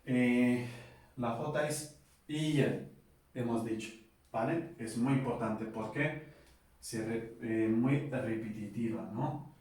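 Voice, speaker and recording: A man teaches pronunciation in a slow, relaxed, chatty way, often checking in with his listeners. His voice rings around a very echoey room. He sounds set back from the microphone. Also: medium pitch, recorded from a distance. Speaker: language teacher. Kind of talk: casual video lesson on pronunciation.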